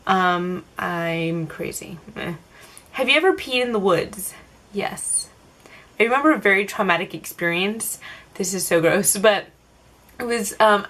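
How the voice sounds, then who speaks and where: A woman's voice: medium pitch, fairly bright tone. A young woman vlogger answering random tag questions to the camera in a casual, rambling way, full of "like" and "um". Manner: chatty, filler-heavy, self-answering rambles.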